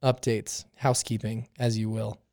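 A man hosting a casual podcast intro while sick with a fever, chatty and trailing off quietly at times. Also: on the low side, flat delivery, moderate pace, no echo, clean studio sound. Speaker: podcast host.

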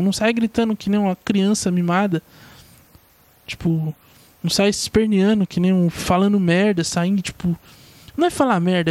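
A man's voice: high-pitched, darkish tone, no echo. A young man with a Brazilian Portuguese accent giving a rambling, slangy opinion monologue full of swearing.

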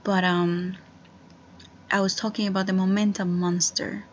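A woman's voice: mid-range voice, little pitch movement, a little slow, highs cut off, slight background noise. A woman in her twenties rambling through a casual solo podcast, with lots of fillers and restarts. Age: 20s. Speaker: podcast host.

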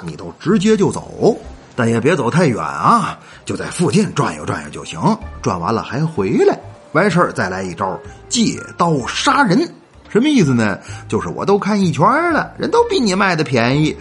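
A man's voice: mid-range voice, huge pitch swings, moderate pace, fairly bright tone, faint music behind. A man hosting a comic folk-tale show, chatty and playful, dropping rhythmic verse and asides to listeners. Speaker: storyteller host.

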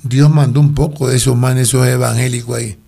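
A man's voice: mid-range voice, fairly even intonation, fairly quick, vocal fry, warm tone, husky. An older man, telling his life story in an interview, rambling and restarting his sentences. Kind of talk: personal testimony in an interview.

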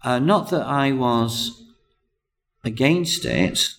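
A man, a comedian chatting as a guest, hesitant with many pauses and restarts. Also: medium pitch, very animated, gravelly, a bit bright. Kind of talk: casual interview chat.

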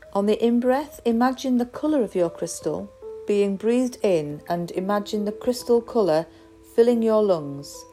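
A woman guiding a crystal meditation in a slow, soft, soothing way. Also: mid-range voice. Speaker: meditation guide.

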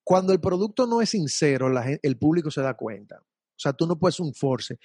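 A man's voice: on the high side, expressive, moderate pace, darkish tone, slightly rough, no echo, studio quality. A young man, a salsa singer talking casually and animatedly in an interview, full of slang and repeats. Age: young adult.

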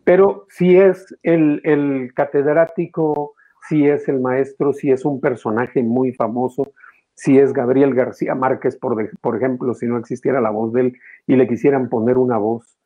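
A man, a voice actor and teacher, explaining his craft as an interview guest in an animated, demonstrative way, swinging his pitch widely. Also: normal speed, muffled recording.

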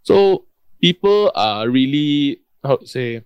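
A man's voice: mid-range voice, expressive, slow, a little mellow, clear, resonant tone, dry recording, dull audio. A man with a Malaysian English accent chatting casually in colloquial Singlish style, peppered with lah, man and bro. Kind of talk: casual chat.

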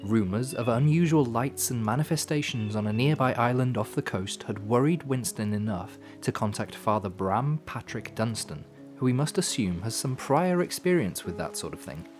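A man hosting a podcast with scripted storytelling narration, in measured, dramatic phrasing with dry asides. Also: medium pitch, animated. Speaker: podcast host. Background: music.

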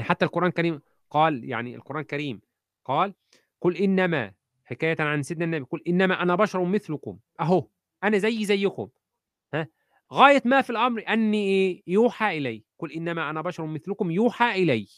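A man's voice: a little high, lively intonation, quick pace, long pauses, a bit bright, no room sound, clean studio sound. A male teacher with an Egyptian accent, quizzing students in an online lesson and repeating key phrases. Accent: Egyptian Arabic.

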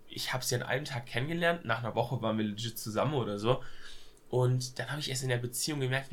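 A young man with a cold chats on a podcast as co-host, hesitant and leaning heavily on fillers and youthful slang. His voice is mid-range with a fairly bright tone.

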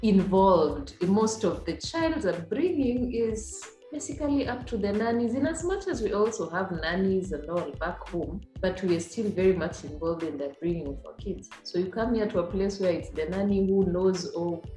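A woman's voice: medium pitch, lively intonation, normal speed, hardly any pauses, mellow. Kenyan-accented woman in an echoey room. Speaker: interview guest. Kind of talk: casual conversational interview. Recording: echoey room with music underneath.

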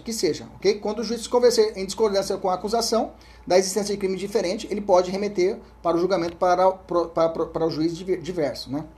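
Here a man with a Brazilian Portuguese accent, his voice a little mellow, runs an exam-prep law class. He recites statutes, drives key points home through repetition, and often checks in with listeners, frequently sinking into a low murmur.

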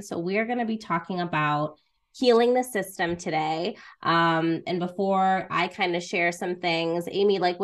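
Chatty low-voiced woman co-host. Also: fairly bright tone. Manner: chatty, friendly, many "like" and "uh" fillers. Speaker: podcast co-host and trauma therapist. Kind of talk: casual podcast conversation. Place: remote recording, far from co-host.

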